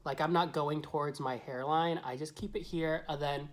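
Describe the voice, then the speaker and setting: A man's voice: a little high, fairly even intonation, normal speed. A man who is a drag queen vlogger, talking through a tutorial to camera in a chatty, meandering, explanatory way. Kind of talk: casual tutorial talk to camera.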